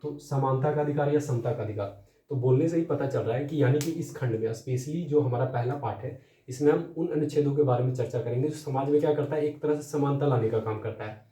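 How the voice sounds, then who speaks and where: A man's voice: medium pitch, brisk, mellow. A young man teaching an exam-prep lesson, explaining step by step with frequent tag questions and fillers. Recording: echoey room, voice distant from mic.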